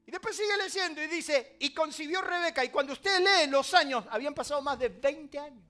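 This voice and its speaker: Argentine male pastor, high bright voice, dramatic sermon delivery with soft music beneath. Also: fairly quick. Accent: Argentine Spanish. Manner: dramatic, swings from loud emphasis to quiet asides.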